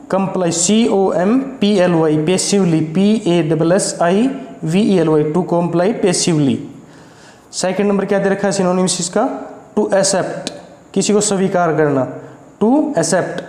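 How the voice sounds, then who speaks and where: A man's voice: high-pitched, warm tone. A man teaching English vocabulary, speaking with an Indian accent, spelling each word letter by letter and correcting his own slips. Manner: spells words letter by letter, slow and deliberate. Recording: echoey room with long reverb.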